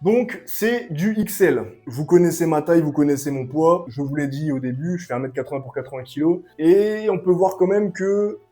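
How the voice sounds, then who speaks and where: A young man giving a casual, excitable clothing review at home, full of slang and hype. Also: a little high, normal speed, few pauses, soft background music. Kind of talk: casual product review vlog. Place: at home, sitting and standing up to show clothes.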